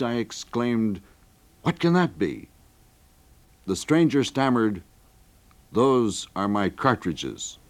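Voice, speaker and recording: Man, documentary narrator, dramatic scripted reading, lively intonation, mid pitch. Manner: expressive reading, rising for vivid moments.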